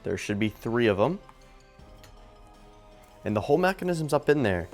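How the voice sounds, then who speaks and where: A man's voice: medium pitch, big pitch swings, normal speed, music in the background. A man giving a casual hands-on unboxing and review narration as a video host.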